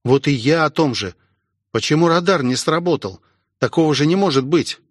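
A man voicing a jittery, eager young male cosmonaut in an audiobook, with higher, strained, anxious questions. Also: lively intonation, normal speed, no room sound, studio quality. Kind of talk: audiobook character voice.

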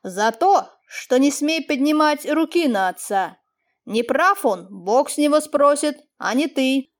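A woman's voice: high-pitched, lively intonation, moderate pace, darkish tone. A woman reading an audiobook, voicing a stern landowner father whose voice trembles.

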